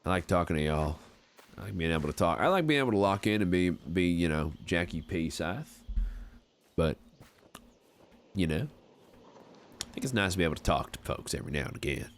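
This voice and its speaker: Chatting casually on a game livestream, a man in his 40s voices a folksy frontier character with a put-on American Southern accent and courtly turns of phrase. His low-pitched delivery is animated and amiable at a normal speed, with frequent pauses.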